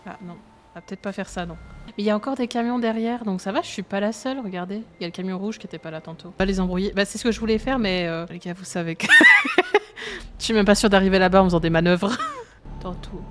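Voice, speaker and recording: A woman with a Belgian French accent commentates her gameplay live, talking straight to her viewers. She chats easily and laughs often between remarks. Her voice sits at a middle pitch. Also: very fast. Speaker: streamer.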